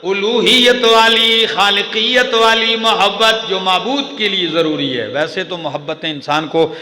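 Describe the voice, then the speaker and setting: A man's voice: high voice, pushed and bright. A man from Pakistan delivering a sermon as an Islamic preacher, in a melodic, chanting style with emphatic repeated lists. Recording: echoey hall with long reverb.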